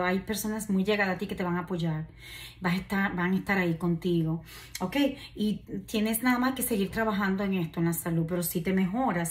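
A woman in her forties giving a casual tarot reading to camera, chatty and reassuring, with many fillers and asides. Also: mid-range voice. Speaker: tarot reader. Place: decorated indoor room at a table.

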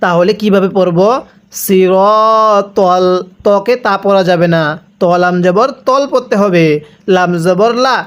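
A Quran recitation teacher spelling out letters and vowel marks one by one, then drilling each word slowly for listeners to repeat. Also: medium pitch, smooth. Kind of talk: step-by-step recitation lesson.

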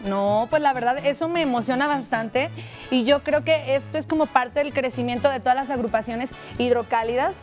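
A Mexican woman in her thirties hosting a TV music show, interviewing a band in a studio with a handheld mic, chatty and playful. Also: high voice. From Aguascalientes, Mexico. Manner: chatty, playful, quick asides.

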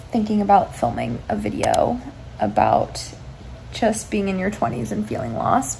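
Soft gravelly young woman in bed. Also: medium pitch, a little hiss or hum, rough recording. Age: 20s. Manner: reflective, meandering, soft-spoken. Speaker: vlogger. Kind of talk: casual confessional chat. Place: bedroom, lying in bed. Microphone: phone camera held at arm's length.

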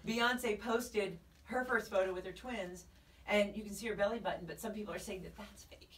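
A woman's voice: mid-range voice, steady tone, normal speed. A woman hosting a morning radio show, chatting casually and laughing often. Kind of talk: casual on-air chat. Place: radio studio. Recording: roomy studio, distant mic, faint hiss.

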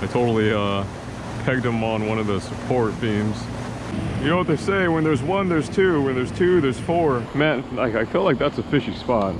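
A man's voice: medium pitch, normal speed. A young man giving casual running commentary while fishing from a kayak on a lake, chatty and self-deprecating, talking to himself and to the fish. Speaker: fishing vlogger. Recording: outdoor water noise behind voice. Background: water and outdoor ambience.

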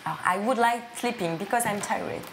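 A woman housemate slowly repeating phrases as she practices, with a giggly manner. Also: mid-range voice, a little hiss or hum. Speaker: reality show housemate. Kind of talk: casual language practice.

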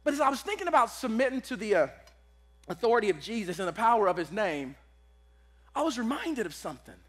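A pastor preaching to a live church congregation. He is casual and energetic, and he uses slang and repeats his phrases. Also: high-pitched, fast.

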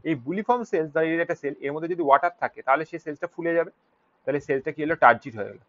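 Fast-talking male biology teacher. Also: a little high. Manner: rhetorical questions, frequent "clear?" checks; mixes Bengali with English terms. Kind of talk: exam-prep lecture. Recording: dull lo-fi recording.

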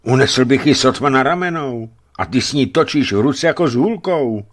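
A man voicing a coarse, grumbling fisherman foreman in a read-aloud story, with raised, louder delivery. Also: medium pitch, expressive, pitched above the performer's own voice, close to an everyday voice. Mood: coaxing. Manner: grumbling, swearing in folksy oaths. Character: gruff middle-aged male foreman, a coarse-mouthed fisherman.

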